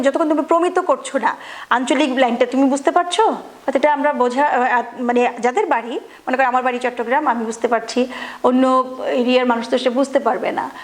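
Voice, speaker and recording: A woman teacher giving a classroom grammar lesson, explaining step by step, often rephrasing and pausing with fillers. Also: high voice. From Bangladesh.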